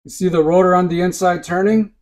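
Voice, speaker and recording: A man's voice: high-pitched, fairly even intonation, a little fast, a little mellow, low-quality recording. A man hosting a hobby video, demonstrating a part up close and insistently repeating short pointers to look and see. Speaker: RC hobby channel host. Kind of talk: hands-on demonstration to camera. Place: indoors at a workbench.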